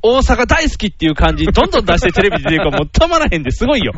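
A man with a Kansai accent, co-hosting a web radio talk show and gossiping about entertainers in an animated, joking way. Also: high voice, very fast, husky. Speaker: podcast co-host. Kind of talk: casual chat. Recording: dull lo-fi web radio recording.

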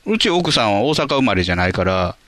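A man's voice: fairly low pitch, big pitch swings, fast talker, a bit bright, dry recording. A man with a Kansai accent co-hosting a casual podcast chat, wry and teasing, switching between polite speech and dialect. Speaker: podcast co-host.

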